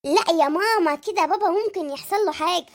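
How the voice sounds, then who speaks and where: A very high sped-up voice playing a clever young son in a comic cartoon, with an Egyptian accent and a reassuring manner. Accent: Egyptian Arabic. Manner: reassuring, quick.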